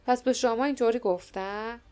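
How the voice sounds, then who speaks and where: A woman's voice: a little high, a little mellow, soft background music, natural voice. A woman voicing a determined young male adventurer who talks in a pointed, scornful way.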